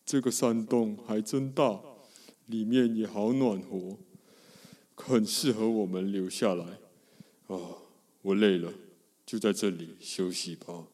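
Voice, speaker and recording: A man voicing a contented male water buffalo in a children's story, talking slowly and relaxed. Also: lowish voice, far from the mic. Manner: slow, relaxed.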